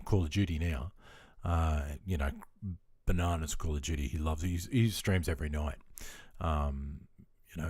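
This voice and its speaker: Deep and darkish in tone, this middle-aged Australian man's voice comes through at studio quality without echo. He's relaxed and chatty on a live stream, filling his replies to viewers with ums and repeatedly calling them mate.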